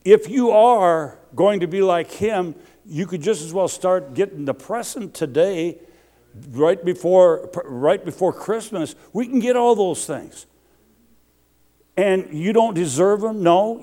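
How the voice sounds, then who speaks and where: A man in his sixties preaching a sermon, animated, calling out questions to the congregation and building rhythmic lists. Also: high-pitched, takes it slowly. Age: 60s. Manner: repetitive, rhythmic listing.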